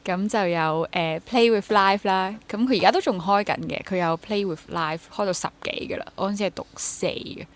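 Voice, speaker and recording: A young woman with a Hong Kong Cantonese accent, an interview guest who works as a theatre actor and drama teacher, chats casually and drops English words into her speech. Her voice is medium-pitched, she talks at a normal speed, and she barely pauses.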